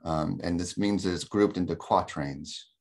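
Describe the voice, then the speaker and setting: A man with a low, gravelly voice presents a webinar lecture. He explains in a measured, thoughtful way and often pauses on an um. He is heard through a video call. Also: a little mellow. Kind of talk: academic lecture.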